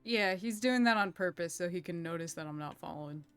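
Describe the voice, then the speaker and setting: A woman's voice: fairly low pitch, fairly quick, a bit bright, smooth, faint music behind. A woman playing a tabletop game in a casual, playful way, laughing often. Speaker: player.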